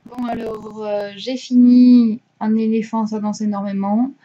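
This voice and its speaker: A woman's voice: fairly high pitch, level tone, a little slow, mellow, dull audio. A young woman chatting casually about her reading weekend, rambling with many hesitations and self-corrections and poking fun at herself. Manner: self-mocking. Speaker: booktuber.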